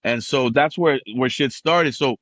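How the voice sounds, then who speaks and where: A man's voice: medium pitch, unhurried, no echo. A man in his fifties, originally from Cuba, telling stories as a podcast guest and acting out the people he quotes. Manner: animated, acts out quoted people in raised voices. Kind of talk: casual storytelling interview.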